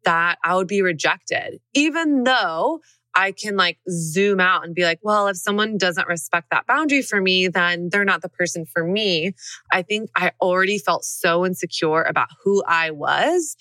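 A woman's voice: lowish voice, sharp tone, no room sound. A woman in her thirties from Texas, hosting a solo podcast in a candid, chatty, confessional way from a studio. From Dallas, Texas. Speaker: podcast host. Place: recording studio.

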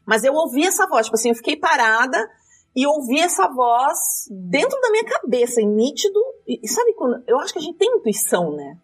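A woman's voice: high-pitched, fairly quick, breathy edge, distant mic. A woman, telling a dramatic story from her rideshare driving in casual chat. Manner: lively, dramatic retelling with quoted dialogue.

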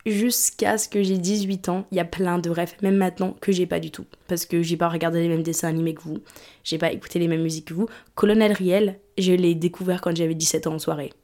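This English vlogger in her twenties has a fairly low, level, warm voice and talks fairly quickly. In a candid, conversational personal monologue, she switches between French and English mid-sentence.

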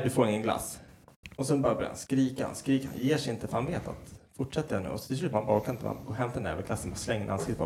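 Guy in his 30s, podcast cohost, rambly and animated, cusses a lot. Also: mid-range voice, slight background noise. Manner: rambling, animated, swearing storyteller. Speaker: podcast co-host. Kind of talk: casual chat.

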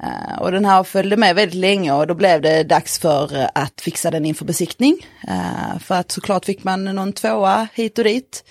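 Animated chatty woman telling a story. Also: fairly low pitch, creaky, few pauses, no room sound, studio quality. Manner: animated, full of fillers, swears freely. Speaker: podcast guest telling a story. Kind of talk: casual storytelling chat.

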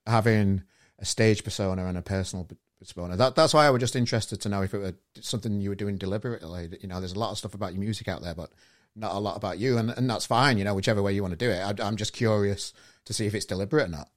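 A man's voice: lowish voice, racing. A man hosting a podcast in casual chat, rambling and stumbling over his questions. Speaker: podcast host.

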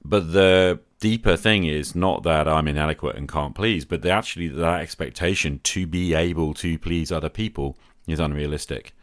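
A middle-aged podcast host replies to listener calls in a solo episode, speaking reflectively and with gratitude. His voice is extremely low, at normal speed with few pauses. The sound is clean studio quality with no room sound.

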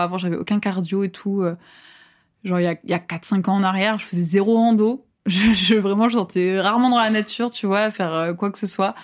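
Young woman in her 20s, casual podcast chat, lots of "tu vois" type fillers, laughs a bunch. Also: medium pitch. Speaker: podcast guest.

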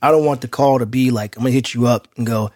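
A man's voice: medium pitch, fairly even intonation, fast, darkish tone, dry recording, clean studio sound. A man co-hosting a podcast in casual chat, talking in loose street slang with an outgoing manner. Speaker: podcast co-host.

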